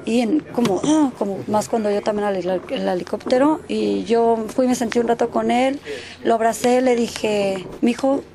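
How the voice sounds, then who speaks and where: A woman's voice: on the high side, normal speed, crowd noise. A woman, a mother and neighbor, telling an interviewer what happened in a rambling way, acting out what people said and slipping English words into her speech. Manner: mixes English words into Spanish. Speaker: neighbor giving a witness account. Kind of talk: casual spoken account, interviewed.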